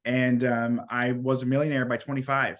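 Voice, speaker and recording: A sick, hoarse American man around thirty with a smoker's rasp, talking casually as an interview guest. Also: mid-range voice, little pitch movement, moderate pace, a bit bright. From small town in Washington, United States. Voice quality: raspy like a smoker, from being sick. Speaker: podcast guest.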